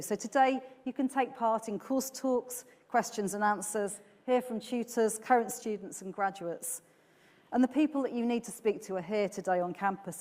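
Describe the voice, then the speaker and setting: A woman delivers an upbeat, earnest welcome speech at a middling pitch. She talks with an occasional filler. Her voice rings out with a long echo in a large hall. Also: a little mellow. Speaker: university speaker giving welcome talk.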